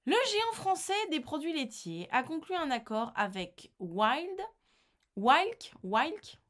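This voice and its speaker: Animated French-speaking woman vlogger. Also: high voice, measured pace. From France. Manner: animated, indignant, reads then comments, frequent fillers and restarts. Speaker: vlogger reacting to an article. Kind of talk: casual reaction vlog, reading aloud.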